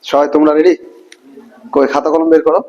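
A man teaching a grammar lesson to a class, asking many quick questions in a casual, colloquial way. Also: fairly high pitch, flat delivery, a little mellow, muffled recording.

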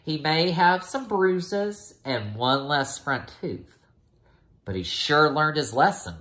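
An American man in his thirties, teaching first graders, reads them a picture book with casual asides from a small room at home. His slightly high voice is expressive, slow and fairly bright, recorded by a phone or laptop at arm's length.

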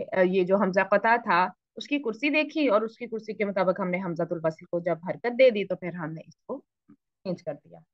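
A woman teaching Quran recitation rules to beginners. She asks questions and answers them herself, mixes in English words, and stretches syllables out slowly when she shows a reading. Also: medium pitch, no room sound, lo-fi sound. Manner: slow, drawn-out syllables when showing a reading. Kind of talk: explaining rules to beginner students.

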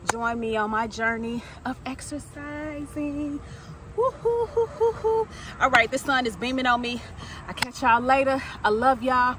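With background noise around her, a woman with a voice on the high side talks breathlessly while walking outside. Her upbeat, encouraging vlog is filmed on a phone camera held by a companion, and she keeps asking "right?" and saying "y'all."

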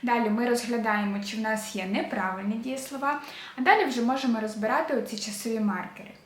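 Woman teacher slowly drilling verb endings. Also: fairly high pitch. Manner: patient, drills endings slowly and repeats them. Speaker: Spanish teacher. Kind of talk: explaining a language lesson. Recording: echoey room.

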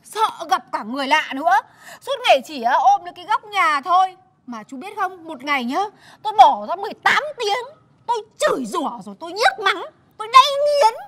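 A nagging village wife scolds and exclaims in a very high, shrill voice. She sounds fussy and dramatic, as in a TV comedy sketch. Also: big pitch swings, fairly bright tone, heavily acted. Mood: scolding. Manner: scolding, exclaiming, quick flustered talk.

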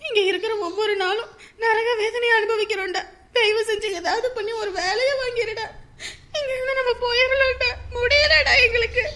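A fretful middle-aged mother-in-law in a home drama, acted by a woman, with a very high, bright voice. she pleads with her family in a tearful way. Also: fast, exaggerated voice. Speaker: actor. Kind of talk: web drama acting.

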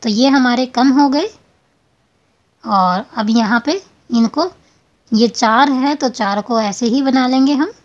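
A woman's voice: fairly high pitch, slow pace, long pauses, lo-fi sound. A woman hosting a crochet tutorial, explaining each step patiently and counting stitches aloud.

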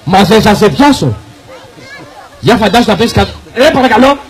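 A man performing a magic show for children at an outdoor carnival, with animated, teasing patter and calls to the crowd. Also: high-pitched. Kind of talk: playful live show patter.

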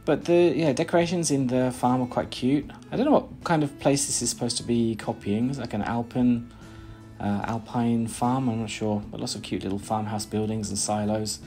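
Medium in pitch and steady in tone, this mellow male voice moves at a moderate pace over soft background music. A British man in his thirties is vlogging and narrating casually from a small plain indoor room, rambling with many "uh"s and restarts.

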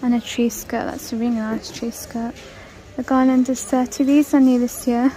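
A woman's voice: a little high, flat delivery, normal speed, warm tone, poor audio. A woman casually walking through a large store, chatting and listing prices as she films on her phone. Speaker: shopping vlogger. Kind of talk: casual shop-with-me walkthrough. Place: large indoor retail store. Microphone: handheld phone camera.

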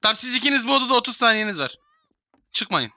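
A man's voice: very high-pitched, very animated, quick pace, noisy background. A young man in casual game voice chat, bossily herding players into rooms and swearing. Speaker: gamer streamer.

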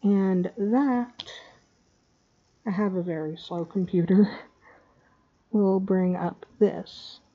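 A woman giving a casual software tutorial in a hesitant, scatterbrained way, her speech slightly slurred by a dental retainer. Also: mid-range voice, drawn-out words, long pauses, highs cut off. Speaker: tutorial maker.

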